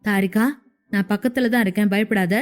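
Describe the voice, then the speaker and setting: A woman voicing a caring young man who gently reassures his wife in a storybook narration. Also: medium pitch, steady tone, fairly quick, close to an everyday voice. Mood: reassuring. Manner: soothing, reassuring.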